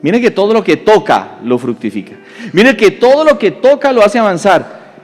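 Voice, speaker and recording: Animated pastor preaching. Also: male voice, sits high, moderate pace. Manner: animated storyteller, acts out voices, laughs along. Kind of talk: sermon with storytelling. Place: church sanctuary. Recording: reverberant church hall, soft music.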